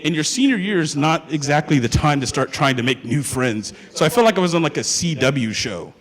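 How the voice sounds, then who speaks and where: A man's voice: on the high side, animated, fairly quick. A young man from Hawaii, a student, telling his story to an audience in a chatty, joking way and asking them questions. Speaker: student speaker. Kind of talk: humorous personal storytelling talk. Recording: long hall reverb.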